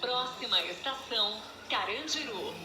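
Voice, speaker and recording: A woman giving a formal train station announcement over a loudspeaker. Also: on the high side, expressive, normal speed, roomy sound, big-room sound, noisy background. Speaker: transit announcer.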